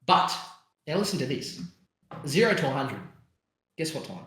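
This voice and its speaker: A man's voice: mid-range voice, very animated, normal speed, fairly bright tone, reverberant, slight background noise. A young Australian man co-hosting a podcast, chatting casually with sweary, laughing, rambling banter. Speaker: podcast co-host. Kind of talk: casual chat.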